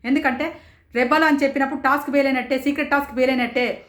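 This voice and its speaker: A woman reviewing a reality show in rapid, indignant commentary, firing off rhetorical questions. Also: sits high, fairly even intonation, fairly bright tone, echoey room. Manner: rapid, rhetorical, indignant, quotes others in raised voices. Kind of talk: passionate commentary.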